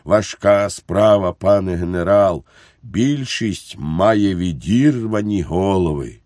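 A man voicing a calm, deferential army chauffeur who speaks matter-of-factly. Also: on the low side, unhurried, no echo, clean studio sound, natural voice. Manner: calm, matter-of-fact, polite.

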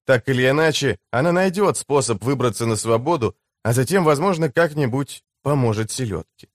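A man's voice: medium pitch, animated, fairly quick, no room sound. Man narrating an audiobook, dry sound. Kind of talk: scripted narration.

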